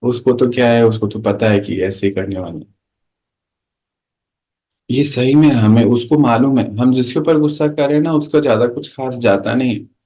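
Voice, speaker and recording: A man's voice: medium pitch, moderate pace, warm tone, poor audio. A man giving a conversational spiritual talk to an audience, telling everyday anecdotes and asking rhetorical questions. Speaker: spiritual speaker.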